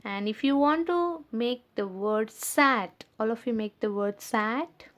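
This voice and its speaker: A woman teacher giving a slow, patient recorded lesson to young children, stressing key words and checking understanding. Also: fairly high pitch.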